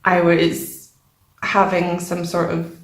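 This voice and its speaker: Echoey, slow-paced woman vlogging. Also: fairly low pitch, monotone. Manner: informal, hesitant, self-deprecating. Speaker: channel host showing a sketchbook. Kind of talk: casual chat, vlog voice-over. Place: nearly empty room indoors with only a desk. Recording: echoey, bare empty room.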